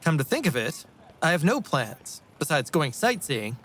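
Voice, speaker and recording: A man's voice: on the high side, very animated, unhurried, fairly bright tone, slight background noise. An actor playing a casual young man who teases his friend in a scripted English dialogue scene. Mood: teasing. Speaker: dialogue character.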